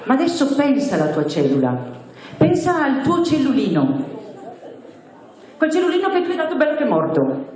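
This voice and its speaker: A woman's voice: sits high, huge pitch swings, normal speed, pauses often, a little mellow. A woman preaching a sermon with passion, repeating phrases and crying out names. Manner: impassioned, repetitive, crying out names. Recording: very echoey hall with faint music.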